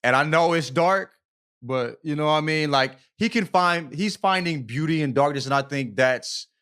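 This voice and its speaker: A man's voice sits a little high, clear and resonant with a fairly bright tone, at normal speed. As a podcast co-host in a relaxed, slang-heavy book discussion, he repeats things for emphasis and regularly checks in with "you know what I mean."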